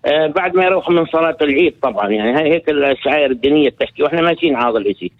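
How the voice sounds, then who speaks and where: Man, 50s, phone-in guest, very fast, rambling, tinny phone line. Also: a little high, lively intonation. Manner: rambling, many restarts and repeated words. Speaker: phone-in guest, retired colonel. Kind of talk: phone-in radio interview. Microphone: telephone.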